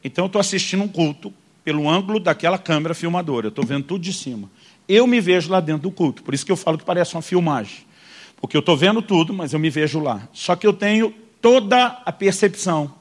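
A Brazilian man, a pastor, telling a vivid story in a sermon, calling listeners "brother" and acting out the people he quotes. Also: a little high. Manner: animated storyteller, addresses listeners as "irmão", acts out quotes.

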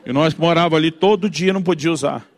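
A man's voice: on the high side, quick pace. A man, preaching as a pastor and telling a family story, acting out the voices in it. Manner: animated, acts out voices of his inner self. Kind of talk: storytelling sermon.

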